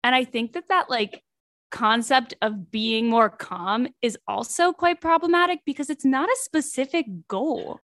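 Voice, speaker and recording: A young woman in her twenties, a grad student on a podcast panel, speaks candidly and reflectively with lots of "likes." Her high, slightly bright voice moves a little slowly, and the studio-quality recording has no room sound.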